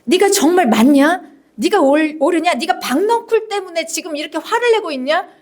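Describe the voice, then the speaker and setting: A woman's voice: very high voice, expressive, brisk, voice pushed up. A woman pastor voicing God, pressing a prophet with stern, repeated questions.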